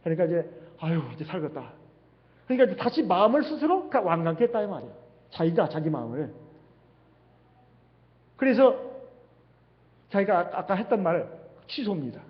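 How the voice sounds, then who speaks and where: Animated high-voiced male preacher. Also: fairly quick, long pauses. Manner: animated preaching with rhetorical questions. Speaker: pastor. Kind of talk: sermon. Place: church sanctuary. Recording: dull livestream sound with long hall reverb.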